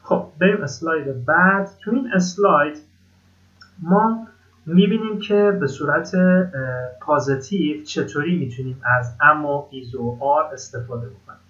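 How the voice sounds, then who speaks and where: A man in his thirties from Iran teaching a beginner English grammar lesson from slides, slowing down to stress each English example. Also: on the high side, fairly bright tone, muffled recording. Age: 30s.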